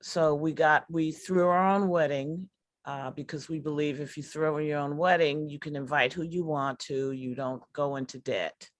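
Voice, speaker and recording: A middle-aged woman who does comedy shares personal stories candidly and conversationally, pausing deliberately. Her voice is low and her tone steady, with no room sound.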